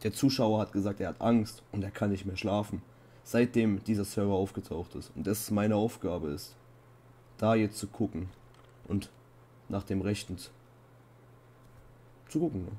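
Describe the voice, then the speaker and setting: A young man hosting a horror game playthrough in casual commentary, playing up mock fear and breaking into high panicked shouts. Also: fairly even intonation, moderate pace, long pauses, breathy edge. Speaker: Minecraft let's-play host.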